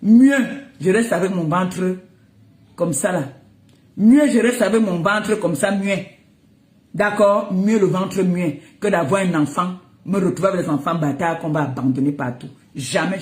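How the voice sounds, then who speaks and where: A woman's voice: lowish voice, a little slow, a little mellow. Scolding woman in an echoey room. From Cameroon. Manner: scolding, mocking, breaks into laughter. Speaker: social media commentator. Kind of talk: heated live rant.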